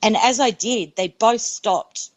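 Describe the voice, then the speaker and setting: A woman's voice: on the high side, slow pace, rough recording. A woman giving an earnest, emphatic personal testimony in an interview. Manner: earnest, emphatic, repeats herself. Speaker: interviewee recounting a near-death experience.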